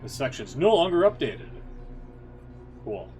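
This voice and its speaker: A man with a medium-pitched, slightly mellow voice talks a little slowly but very animatedly. As a gamer hosting a livestream, he gives casual game commentary with background music, thinking aloud and muttering asides.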